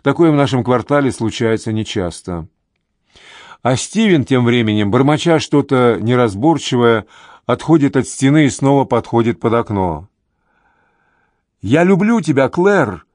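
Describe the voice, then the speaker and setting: A man narrating a novel in a measured, even reading. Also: mid-range voice, dry recording, studio quality. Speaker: audiobook narrator. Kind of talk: scripted narration.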